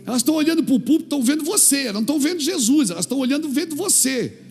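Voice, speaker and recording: A man with a Brazilian accent preaching a fervent sermon, acting out dialogues and building to shouts. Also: extremely high pitch, expressive, rapid-fire, faint music behind. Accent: Brazilian Portuguese. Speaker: pastor.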